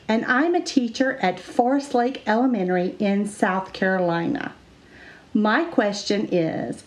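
A woman's voice: medium pitch, a little mellow. A middle-aged woman, an elementary school teacher, delivers a prepared question to camera in a plain indoor room.

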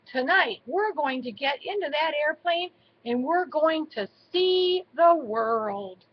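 Woman doing a bold eager girl mouse, high and bouncy, storybook vibe. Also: expressive, slow pace, highs cut off. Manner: eager, persuasive. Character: bold, adventurous young female mouse.

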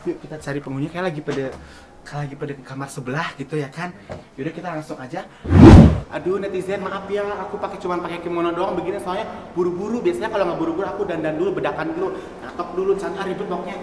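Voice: mid-range voice, steady tone, quick pace. A speaker giving a playful, teasing room tour as a contestant, chatting casually in vlog style. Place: indoor hotel rooms. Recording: echoey room, distant mic, background noise.

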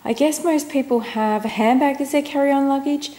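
A young Australian woman with a high, mellow voice vlogs her travels at a moderate pace, chatting casually to camera. She moves through airports, a plane cabin and a moving taxi, with plenty of airport and vehicle noise around her.

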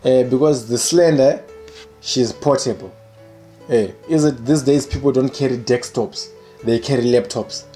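A young man in his twenties hosting his own channel, reading comments aloud and joking about them in a playful, animated way, recorded indoors by a window. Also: mid-range voice, measured pace, soft background music. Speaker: channel host. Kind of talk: casual comedic commentary. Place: indoor room by a curtained window.

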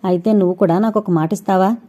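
A woman's voice: medium pitch, fairly even intonation, fast talker, mellow, natural voice. A woman reading the part of a guarded, teasing man in an audiobook, curt in manner. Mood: probing.

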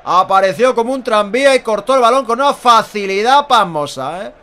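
A man's voice: sits high, lively intonation, fairly quick, sharp tone. A man in his thirties with an accent from Spain gives live Spanish football goal commentary as a fan, emphatic, repetitive and exclaiming. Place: small indoor room at home.

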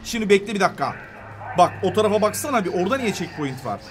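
Excitable high-voiced man gaming. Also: rapid-fire, music in the background. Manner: excitable, shouts reactions, drops in English exclamations. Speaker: gaming channel host playing with his son. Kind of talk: excited let's-play commentary for children.

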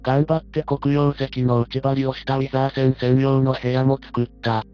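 A man's voice: medium pitch, little pitch movement, normal speed, smooth, close to an everyday voice. A man voicing a stubborn old grandpa gamer who talks in old-fashioned elderly speech endings. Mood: rueful. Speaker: co-player. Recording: dull lo-fi sound with faint music.

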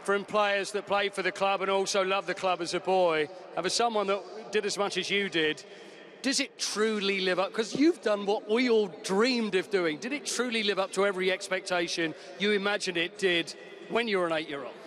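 A middle-aged man interviewing a guest pitchside with a handheld mic, effusive and enthusiastic in his questions. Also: fairly even intonation, moderate pace, fairly bright tone. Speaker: club TV interviewer. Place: outdoor stadium pitchside.

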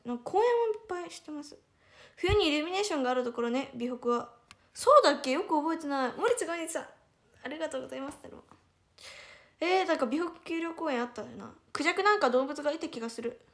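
A young woman with a Hiroshima accent chatting casually on a livestream. She giggles often and answers viewers' comments one by one. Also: high-pitched. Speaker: idol livestreamer.

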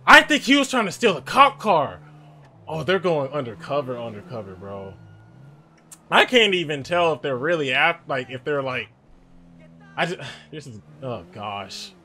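A young man giving nervous, excitable commentary while playing a game, yelling when chased. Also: fairly high pitch, normal speed, a little hiss or hum. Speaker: gaming YouTuber.

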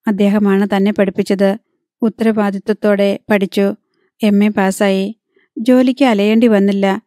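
A woman narrating a novel as an audiobook in a measured, dramatic reading. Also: medium pitch, flat delivery, dark tone, no room sound, studio quality.

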